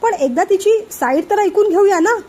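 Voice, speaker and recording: A woman's voice: very high-pitched, expressive, normal speed, warm tone, pitched above the performer's own voice. A woman voicing a teasing, level-headed young wife who jokes with an upset friend in a storybook reading. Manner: teasing, jokey.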